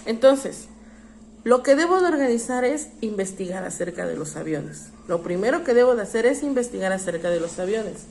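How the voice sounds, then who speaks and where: A woman's voice: medium pitch, lively intonation, normal speed, a little mellow, a little hiss or hum. A woman teaching a lesson, patient and explanatory, often asking rhetorical questions and calling out words for emphasis. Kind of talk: online class lesson.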